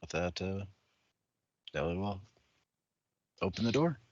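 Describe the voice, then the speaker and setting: A man's voice: deep voice, lively intonation, unhurried, highs cut off, background noise. A man playing a tabletop game, speaking casually as he chats and role-plays his character.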